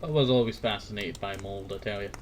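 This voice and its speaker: Speaking fast in a voice on the low side, this fireside-talk-series host chats in a loose, wandering way. He keeps repeating words and verbal tags and now and then reads aloud. A little hiss or hum runs underneath.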